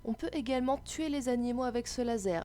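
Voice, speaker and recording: A woman's voice: a little high, fast talker, warm tone. A woman gamer delivers an exasperated rant. She lays things out like a careful explanation, with the sarcasm of a raging player who has had enough. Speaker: gamer telling a gaming story. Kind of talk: gaming rant, explanatory narration.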